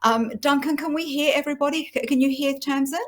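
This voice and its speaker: A woman's voice: high-pitched, quick pace. A woman hosting a live awards presentation, effusive and affectionate toward the winners. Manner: effusive, calls people "my girl" and "darling". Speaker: host announcing winners.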